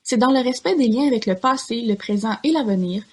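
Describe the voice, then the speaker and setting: A woman giving a formal, measured scripted reading. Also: on the high side, lively intonation, breathy edge.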